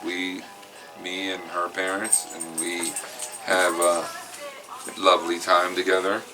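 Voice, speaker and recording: A man's voice: low-pitched, flat delivery, takes it slowly, over music. A man, a guest artist, chatting casually on a podcast with a laid-back, dry humor. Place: room with several people talking. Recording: distant mic with background noise.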